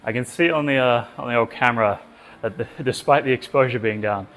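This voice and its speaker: Recorded in an indoor gym, this male fitness vlogger talks through his workout in casual, profanity-laced narration, panting between sets. He has a mid-range voice that is brisk and a bit bright.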